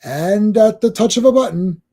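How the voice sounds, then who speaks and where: A man's voice: high-pitched, moderate pace, mellow, voice pushed up. A man putting on an old-time radio announcer. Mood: dramatic. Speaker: comic read-along streamer. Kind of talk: old radio show narration.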